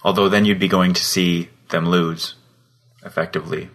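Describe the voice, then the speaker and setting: A Canadian man with a very deep yet bright, forceful voice co-hosts a podcast. He chats casually, laughing often and feeling his way through his words. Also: level tone, moderate pace. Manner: laid-back and laughing, searching for words. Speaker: podcast co-host.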